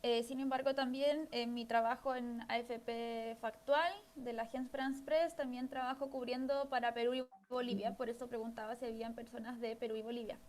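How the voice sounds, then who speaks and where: A woman's voice: on the high side, flat delivery, normal speed, few pauses, a little mellow. A woman from Chile with a Chilean accent, a journalist giving a friendly, upbeat talk over a video call. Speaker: guest speaker, fact-checking journalist.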